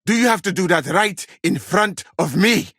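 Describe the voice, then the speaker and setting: An actor playing a learned, courteous physician from Mali in a video game, a husky voice and measured, formal phrasing. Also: male voice, high voice, expressive, fairly bright tone, dry recording, studio quality. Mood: alarmed, outraged. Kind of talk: video game character dialogue.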